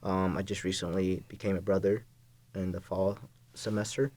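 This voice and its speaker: A man's voice: deep voice, flat delivery, moderate pace, darkish tone. A man of twenty-one, a college student and podcast guest, chatting casually and laughing often.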